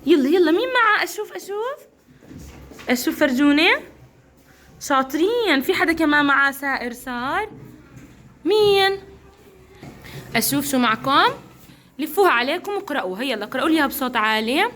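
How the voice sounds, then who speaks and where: A young woman with a Levantine accent teaching small children in a classroom, cheering them on and slowly sounding out syllables. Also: sits high, lively intonation, fairly bright tone. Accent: Levantine Arabic. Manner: encouraging, praises often, drawn-out sounding of syllables. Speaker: kindergarten teacher. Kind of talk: classroom phonics drill.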